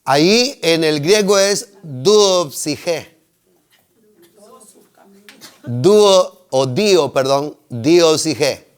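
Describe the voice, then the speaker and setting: A man's voice: a little high, expressive, very slow, pauses often, clean tone. A man teaching a seminary preaching workshop, joking with the class and asking them questions. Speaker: homiletics teacher.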